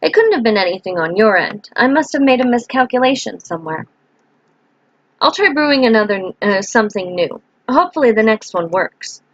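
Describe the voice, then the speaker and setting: A woman's voice: on the high side, big pitch swings, fairly quick, no room sound. A woman gives voice to a courteous young man who brews potions, polite and lightly teasing, never quite giving a straight answer. The delivery sits in a plain, everyday register, captured dry and a little dull, like a simple home mic.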